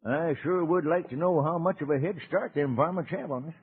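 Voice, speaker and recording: A man's voice: a little high, brisk, husky. A man playing a folksy old cowboy uncle with an American Western accent, telling children a radio serial. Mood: concerned. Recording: tinny old radio recording, music behind.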